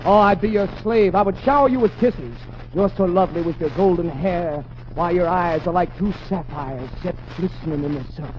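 Guy doing excitable naive boat pal, trips over his words, really high, muffled old radio. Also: moderate pace, hardly any pauses, natural voice. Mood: wooing. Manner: stammering, repeating, eager. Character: excitable, naive boat-owner sidekick, silver-tongued schemer. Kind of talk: old-time radio comedy sketch acting. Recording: dull, very noisy vintage radio recording.

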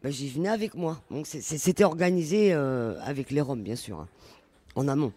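A woman's voice: low-pitched, lively intonation, normal speed, mellow, slightly rough, no room sound. Earnest woman telling a story. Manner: earnest storytelling with many restarts. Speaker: former street youth worker, panel participant. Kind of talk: live roundtable discussion. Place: community venue during a public event.

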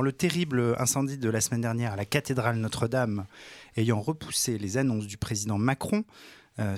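A man's voice: medium pitch, no echo. A man hosting a casual news podcast, introducing the topics and his co-hosts in a playful, teasing way. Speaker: podcast host. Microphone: studio microphone.

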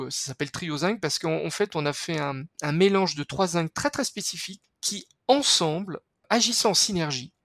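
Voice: medium pitch, fairly bright tone, no room sound, studio quality. A podcast guest explaining skincare research in an enthusiastic, chatty way, full of fillers and restarts.

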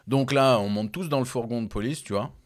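A man's voice: medium pitch, fairly quick. Young man telling a slangy story. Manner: animated slangy storytelling, laughing often. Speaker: storyteller among friends. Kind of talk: casual chat.

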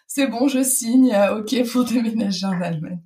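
A woman's voice: a little high, moderate pace, dark tone. A French woman in her thirties hosting a podcast interview, asking friendly, chatty questions with fillers. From France. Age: 30s. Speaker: podcast host.

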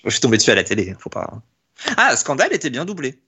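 A man hosting a podcast in casual chat, talking in an animated way with many restarts and fillers. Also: mid-range voice, quick pace, husky. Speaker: podcast host.

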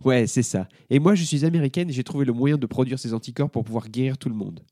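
A man voicing a lively, teasing teenage schoolgirl with a quick, bossy way of talking in a children's story. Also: mid-range voice, no room sound, clean studio sound, lightly acted. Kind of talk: storybook character voice.

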